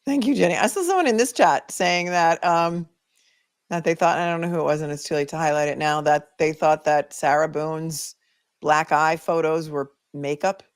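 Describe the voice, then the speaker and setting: Her low-pitched voice moves at a normal speed as this woman with a Boston accent hosts a legal livestream. She chats casually and opinionatedly, thinking aloud while responding to viewer comments.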